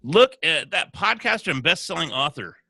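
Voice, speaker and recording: A man's voice: on the high side, very animated, normal speed, vocal fry, sharp tone, breathy edge, dry recording, clean studio sound. A man, a podcaster and author guesting on a casual video chat, joking and teasing.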